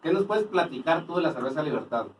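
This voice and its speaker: A young Mexican man tossing out mock shout-outs and dry quips in a casual beer-tasting chat. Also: fairly high pitch, lively intonation, fast talker. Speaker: co-host. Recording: voice a bit far from the mic.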